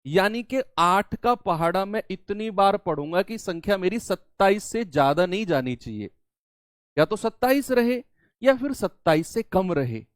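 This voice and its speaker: Recorded dry with clean studio sound, a high-voiced man teaches maths to students. He answers his own questions and says each key term twice across two languages.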